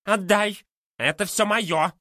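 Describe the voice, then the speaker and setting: A man voicing a greedy, villainous female rat with a slow, hissing delivery. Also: high-pitched, sharp tone, no echo, studio quality, pitched above the performer's own voice, full character voice.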